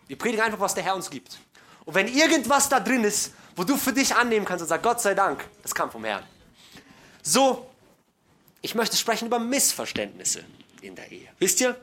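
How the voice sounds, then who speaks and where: A middle-aged man preaching a sermon to his congregation, folksy and joking, dropping to hushed asides and then building to loud, emphatic passages. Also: high voice, sing-song, moderate pace. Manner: folksy, joking, addresses listeners directly.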